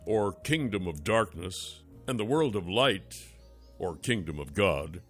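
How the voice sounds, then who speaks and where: A man narrating a nonfiction audiobook in a measured, deliberate reading style. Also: fairly low pitch.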